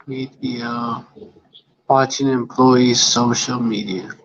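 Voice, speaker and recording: A man's voice: mid-range voice, steady tone, slow pace, a bit bright, slight background noise. A man hosting a casual chat, drawling and swearing as he reads out news. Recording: dull lo-fi sound.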